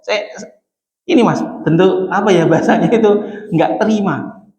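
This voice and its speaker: A man's voice: sits high, normal speed. Echoey man preaching in a mosque hall. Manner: animated, acts out dialogue, chuckles at own jokes. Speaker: Islamic preacher. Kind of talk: conversational sermon with storytelling.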